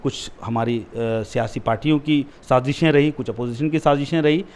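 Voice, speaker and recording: A man in his thirties, a political candidate, arguing forcefully in a heated interview and getting loud when challenged. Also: medium pitch, normal speed. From India.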